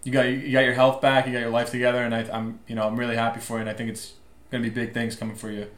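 Fast-talking, eager bro interviewer, roomy sound. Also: male voice, medium pitch, flat delivery, fairly bright tone. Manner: eager, fan-like bro talk. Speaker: interview host. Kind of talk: casual interview chat. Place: remote call from a roomy space. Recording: roomy echo on the voice.

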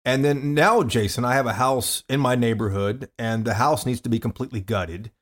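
A man's voice: mid-range voice, moderate pace. Stammering, easygoing male podcast co-host. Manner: stammering, repeats words while thinking. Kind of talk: casual chat. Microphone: video call.

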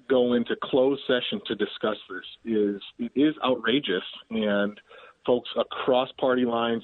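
Man, phone interview, emphatic, indignant, husky voice, dry tinny phone line. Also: medium pitch, no echo. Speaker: activist guest.

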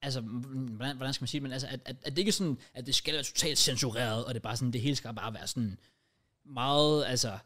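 Young Danish male, mid pitch, casual podcast chat full of slang and swearing. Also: a bit bright. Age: young adult. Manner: slangy, swearing, English loanwords mixed in.

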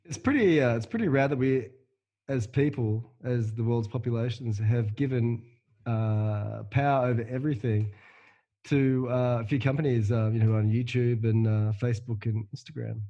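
Husky, blunt, profane podcast host. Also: male voice, mid-range voice, warm tone, lo-fi sound. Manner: profane, halting, full of fillers and restarts. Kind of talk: casual podcast chat.

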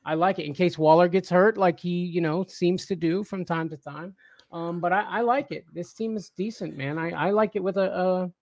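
A man's voice: sits high, moderate pace, no echo. Upbeat man with a dry close mic. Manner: excitable, laughs often, repeats himself. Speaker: fantasy football co-host. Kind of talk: casual live-stream chat.

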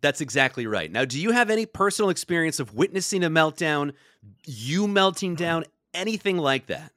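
A man's voice: on the high side, expressive, brisk, pushed and bright, dry recording, studio quality. A young adult man co-hosting a podcast, telling a story in a casual chat with lots of laughs. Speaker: podcast co-host.

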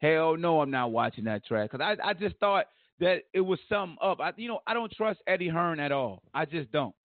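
An American man with a hoarse voice hosts a sports podcast, talking casually in a blunt, animated, slangy way with some swearing. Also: a little high, brisk, no echo, phone-quality sound. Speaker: podcast host.

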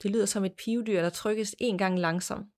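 A woman hosting a podcast, reading a listener's ghost story aloud in a measured, plain storytelling manner. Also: mid-range voice, fairly even intonation, darkish tone. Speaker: podcast host.

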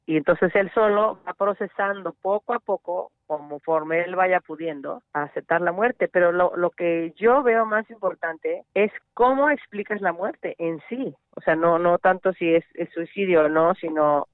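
A woman's voice: on the low side, measured pace, hardly any pauses, no room sound. Woman, earnest and reflective, tinny phone line, dry sound. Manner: earnest, reflective, many restarts. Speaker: guest, bereaved mother. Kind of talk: phone-in radio interview.

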